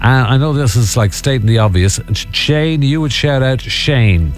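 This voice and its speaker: A man's voice: mid-range voice, animated, normal speed, soft background music. An Irish man hosting a radio phone-in quiz, chatting casually and bantering with the contestants.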